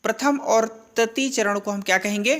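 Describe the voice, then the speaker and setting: In a classroom-style grammar lesson, a woman asks questions and answers them herself, repeating the key terms. Her fairly high voice is a bit bright and moves at normal speed.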